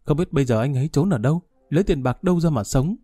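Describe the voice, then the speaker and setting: A man's voice: a little high, expressive, fast talker, warm tone, husky, dry recording, clean studio sound, soft background music. A man voicing an anxious young woman. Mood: worried. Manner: urgent, pleading.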